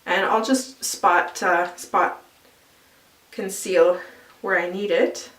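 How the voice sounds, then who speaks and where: Speaking slowly in a lowish, slightly bright voice with fairly even intonation, a woman walks viewers through her makeup routine. She explains each step as she goes, chatty and full of fillers, recorded from a distance in a roomy space.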